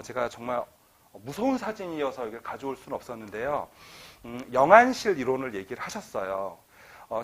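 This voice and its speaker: A middle-aged man giving an author talk to an audience, telling stories and acting out quoted dialogue. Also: mid-range voice. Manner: animated storytelling, acts out quoted dialogue. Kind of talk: lecture to an audience. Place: lecture hall.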